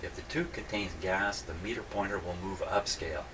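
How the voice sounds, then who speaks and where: An older man, a vintage radio repair hobbyist presenting a video, speaks a little fast in a low register from an indoor repair workshop with noticeable background noise. He talks casually, as if demonstrating at a workbench and thinking aloud. His delivery is folksy, rambling, and self-deprecating.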